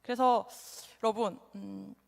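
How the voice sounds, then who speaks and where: A woman's voice: mid-range voice, fairly even intonation, measured pace, gravelly. A young woman evangelist giving a conversational sermon to a youth group, chatting and asking the audience direct questions. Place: church hall. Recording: long hall reverb.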